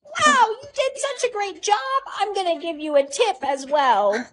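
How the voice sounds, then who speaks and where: A woman's voice: very high-pitched, expressive, unhurried, pitched above the performer's own voice. A woman voicing a sweet elderly woman neighbor who calls people love and honey. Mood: doting.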